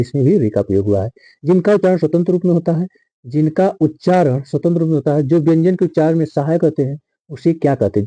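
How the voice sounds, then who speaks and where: Dark-voiced male Hindi grammar teacher. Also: on the high side, slightly rough, dry recording. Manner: repeats key lines, quizzes the viewers.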